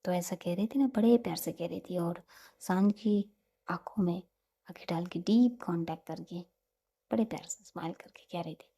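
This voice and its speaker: A woman narrating a romantic story in a soft, intimate manner, often dropping to a half whisper. Her voice is warm and dark, breathy, with noticeable vocal fry. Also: on the low side, normal speed.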